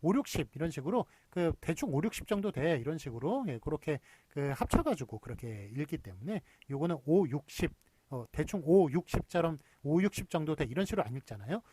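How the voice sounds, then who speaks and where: A man's voice: a little high, big pitch swings, fairly quick, few pauses, warm tone, slightly rough, no room sound. A man lecturing in a recorded university class, explaining step by step with frequent fillers.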